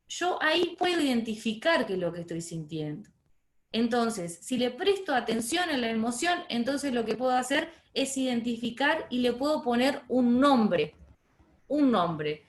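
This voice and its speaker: A woman giving an online training lecture. She speaks in a measured way, repeats key words and checks in with her listeners. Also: on the high side. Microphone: video call. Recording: roomy echo on a video call.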